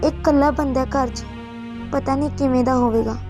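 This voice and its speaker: A woman's voice: high voice, fairly even intonation, a little fast, over music, close to an everyday voice. A woman playing a blunt woman warning a young woman she has no one left, in a short film. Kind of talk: amateur short film acting.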